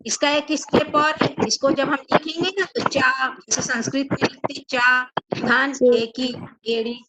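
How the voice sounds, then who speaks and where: A woman's voice: sits high, steady tone, a little slow, very noisy. A woman teacher, giving a classroom lesson and answering her own questions.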